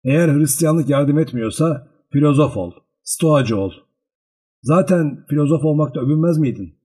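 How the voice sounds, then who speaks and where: Man doing a dying young guy, tired and mocking, low husky voice. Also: expressive, normal speed, mellow. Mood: sardonic. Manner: dry, weary, mocking. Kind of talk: audiobook character reading.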